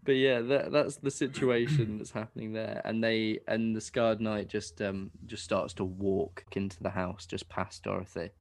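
A man narrating as game master, chatty and laughing often, with a hushed tone for the tense parts. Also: on the low side, fairly even intonation, moderate pace, hardly any pauses.

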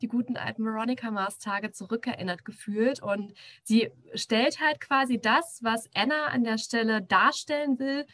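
A woman co-hosting a casual review podcast, with a somewhat high voice. She weighs her opinions in a measured, thoughtful way and often slows down. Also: fairly even intonation, fairly bright tone. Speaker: podcast co-host.

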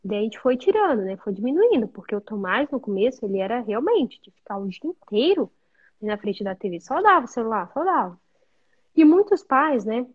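Casting: talkative woman, somewhat high pitch, mother guest sharing parenting experience, lo-fi sound. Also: big pitch swings, brisk, breathy edge. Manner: chatty, explanatory, frequent tag questions. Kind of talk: casual conversation.

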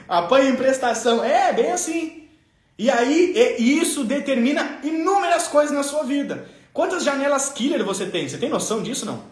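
A man with a southern Brazilian accent delivers an emphatic, playful motivational talk in a very high voice. His words ring out in an echoey room. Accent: southern Brazilian, Rio Grande do Sul. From Rio Grande do Sul, Brazil. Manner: emphatic, playful, acts out examples. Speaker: motivational speaker.

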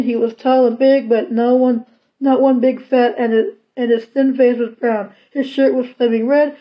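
Woman reading a kids' book aloud, steady and plain, fairly high voice, lo-fi recording. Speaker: audiobook reader. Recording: slightly dull lo-fi recording.

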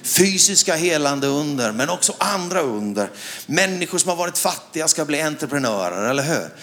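A middle-aged man from Sweden preaches with a lively, swooping voice that sits fairly high. He tells his story with animated delivery, climbs to loud shouts and keeps asking the congregation whether they follow him. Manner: animated storytelling, rising to loud shouts, asks the crowd questions. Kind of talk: sermon with a personal story.

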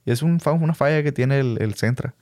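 A man's voice: medium pitch, a little fast, dry recording, clean studio sound. A young man with a Mexican Spanish accent casually telling a personal story, acting out the people he quotes. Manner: lively storyteller who acts out quoted people and laughs.

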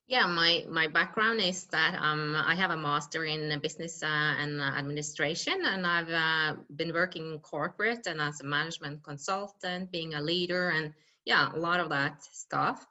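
Bright Norwegian-accented woman, hesitant. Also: sits low, moderate pace. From Norway. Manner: hesitant, many fillers. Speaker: guest, mountaineer and entrepreneur. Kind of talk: interview answers.

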